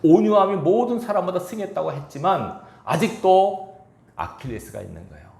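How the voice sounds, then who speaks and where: Guy preaching in a church, gravelly voice, keeps throwing questions at the crowd, roomy echo. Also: high voice, fairly quick. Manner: animated preaching with rhetorical questions to the congregation. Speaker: pastor. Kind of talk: sermon. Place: church sanctuary. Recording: echoey church room with faint noise.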